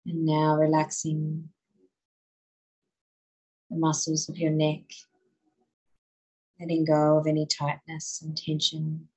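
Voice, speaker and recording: A woman guiding a listener through muscle relaxation in a slow, soothing voice. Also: low-pitched, completely flat delivery, darkish tone, slightly rough, rough recording. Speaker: relaxation guide. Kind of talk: guided relaxation.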